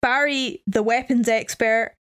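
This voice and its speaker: Sarcastic, high-voiced woman podcaster. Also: a little slow, clean tone, no echo, clean studio sound. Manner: animated, sarcastic, swearing. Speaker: podcast co-host. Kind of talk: casual chat.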